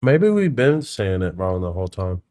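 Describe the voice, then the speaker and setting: Casual low-voiced male reaction host. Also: moderate pace. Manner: casual, excitable, swears freely.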